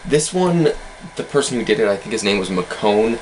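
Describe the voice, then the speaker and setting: A man's voice: lowish voice, animated, normal speed, a little hiss or hum, low-quality recording. A man casually explaining language facts in an educational video, hedging with self-deprecating asides.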